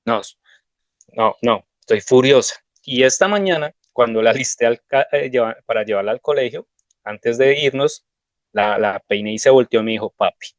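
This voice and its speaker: Man, devotional sermon, conversational anecdotes, middle pitch, dry recording. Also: a little fast, no room sound. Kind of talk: devotional sermon with personal stories.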